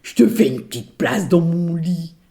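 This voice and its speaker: A woman storyteller voicing a greedy, hairy ogress with a gruff, loud, mocking voice. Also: fairly low pitch, animated, normal speed. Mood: coaxing. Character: greedy hairy female ogress, sly and gluttonous.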